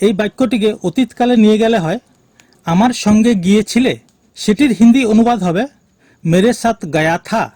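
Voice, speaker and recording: A man teaching a language lesson, speaking slowly and deliberately and repeating each phrase for learners. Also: high voice, dark tone, no echo. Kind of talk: slow spoken language lesson.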